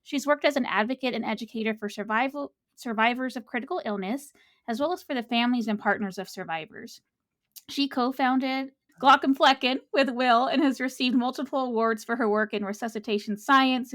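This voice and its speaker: A woman from Texas co-hosts a medical podcast in a fairly high, upbeat voice. She reads out guest introductions and asks friendly questions. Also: fairly bright tone. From San Antonio, Texas. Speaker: podcast co-host, doctor. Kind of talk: podcast interview.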